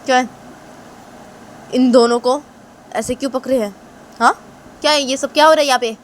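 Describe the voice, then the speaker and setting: A woman's voice: mid-range voice, fairly quick, natural voice, low-quality recording. A woman playing a furious threatening father. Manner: threatening, demanding, repeats "हाँ?". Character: angry protective rich father.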